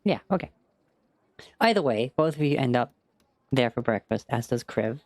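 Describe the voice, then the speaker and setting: A man's voice: medium pitch, animated, moderate pace, dry recording. A man running a tabletop game as game master, narrating casually in a rambling, jokey way.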